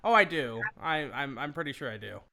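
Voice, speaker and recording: A playful player in a tabletop role-playing game who jumps in with quick questions and laughs. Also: medium pitch, big pitch swings, vocal fry, noisy background. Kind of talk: casual tabletop role-play.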